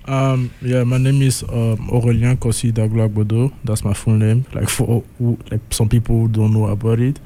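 A man's voice: medium pitch, little pitch movement, moderate pace, few pauses, warm tone. A young man with a Togolese accent, talking casually as a guest in a radio interview. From Togo and Gabon. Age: young adult. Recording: faint background noise.

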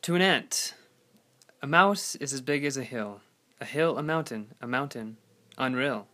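Putting on a British accent, a man plays a guest poet reciting a poem on a casual podcast, all overly polite and mock-formal. His medium-pitched delivery is animated, unhurried, bright, and forceful.

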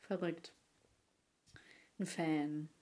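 A young woman hosting a casual podcast chat, a lively storyteller who acts out both sides of her conversations. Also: low-pitched, very slow. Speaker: podcast host and video creator.

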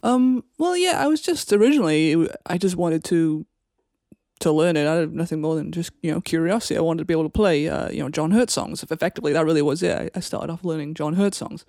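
A Welsh woman chats as a guest in an interview, relaxed and unhurried as she explains. Her voice carries a gravelly edge, and the sound is close and dry with no room around it. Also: sits low, no room sound. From Wales. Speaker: guest musician. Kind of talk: casual interview chat.

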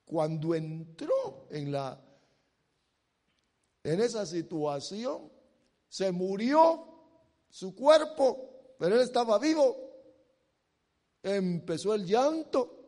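A man preaching a sermon in a high, unhurried voice, rising to loud exhortation and then dropping to near-quiet asides. His words ring through a long hall reverb. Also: sing-song.

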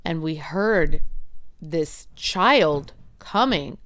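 A woman's voice: sits low, expressive, drawn-out words, a bit bright, no echo, clean studio sound. A woman in her forties telling an emotional personal story about her family. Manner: earnest, emotional, acts out quoted voices. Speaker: interviewee, mother.

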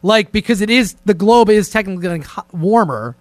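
Joking and swearing freely, this male podcast host runs the conversation in a brisk, high-pitched, expressive voice. The informal chat takes place indoors over a remote conference call with a camera, with no echo at all.

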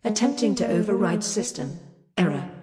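A woman voicing a glitching female robot assistant who makes clipped, monotone system announcements. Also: medium pitch, moderate pace. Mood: malfunctioning. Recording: distant, long reverb, loud music.

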